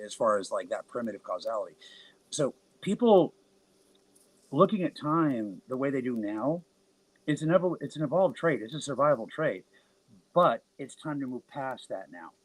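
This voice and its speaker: Man explaining in dry, halting bursts. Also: mid-range voice, lively intonation, no room sound, poor audio. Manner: halting restarts, earnest explaining. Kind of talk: casual podcast chat.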